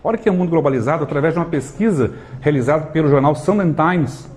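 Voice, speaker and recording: A Brazilian man speaks to a live audience in a motivational talk, with a fairly high voice for a man. He keeps throwing rhetorical questions at the room and acts out small everyday scenes with lively energy. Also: fast talker. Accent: Brazilian Portuguese.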